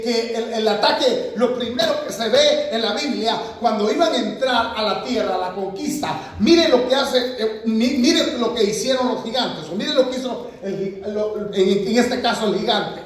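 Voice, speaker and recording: High-voiced preacher in an echoey hall. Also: male voice. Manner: animated preaching with rhetorical questions and acted-out quotes. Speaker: pastor. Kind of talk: sermon. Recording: echoey hall, mic far off.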